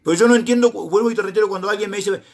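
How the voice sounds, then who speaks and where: Speaking very fast, a middle-aged Argentine preacher with a notably high voice for a man and an Argentine Spanish accent recounts his personal testimony as a sermon. He narrates it like a story and plays out the conversations himself, switching between each side.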